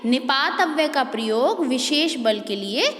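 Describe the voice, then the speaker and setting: A woman's voice: high-pitched, expressive, unhurried, fairly bright tone. A woman teacher giving a grammar lesson, explaining step by step and checking in with the class. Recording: echoey room with long reverb.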